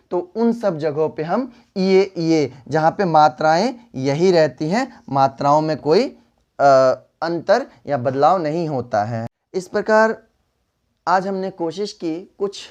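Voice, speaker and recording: A man's voice: sits high, a little mellow, clear, resonant tone. A man teaching a Hindi writing lesson online, patiently repeating example words and addressing his students as children.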